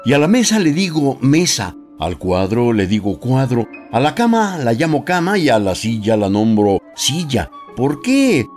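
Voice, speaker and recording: A man's voice: mid-range voice, sing-song, unhurried, hardly any pauses, a little mellow, soft background music. A man reading a storybook aloud, voicing a lonely, frustrated old man who raises his voice in exasperation. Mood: exasperated.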